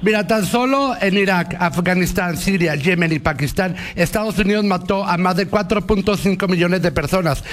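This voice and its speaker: A man's voice: sits high, moderate pace, hardly any pauses. A man co-hosting a call-in radio show, heated and reeling off figures with hesitant fillers. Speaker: radio co-host.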